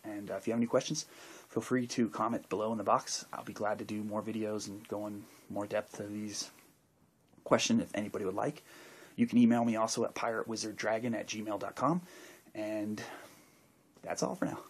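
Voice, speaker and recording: Man, husky and a bit low, casual vlogger answering questions, rambly with restarts. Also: flat delivery, fairly quick. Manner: rambling, with many restarts and fillers. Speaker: YouTuber answering viewer questions. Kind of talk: casual video monologue.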